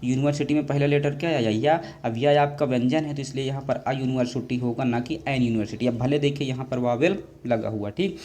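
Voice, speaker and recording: A medium-pitched, slightly mellow male voice leads an exam grammar lesson, asking questions nonstop and supplying the answers himself. He addresses his students as dear children and stretches out English words slowly.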